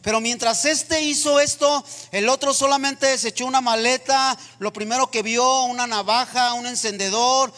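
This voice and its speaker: A man preaching a sermon in a church, building into impassioned, near-shouted passages. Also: very high voice, steady tone, moderate pace, hardly any pauses. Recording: long reverb of a church hall.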